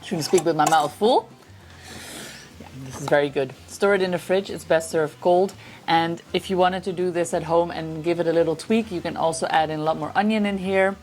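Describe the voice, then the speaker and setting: Low-voiced woman giving recipe steps. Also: brisk, soft background music. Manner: steady step-by-step instructions. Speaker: cooking show host. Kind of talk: recipe instruction.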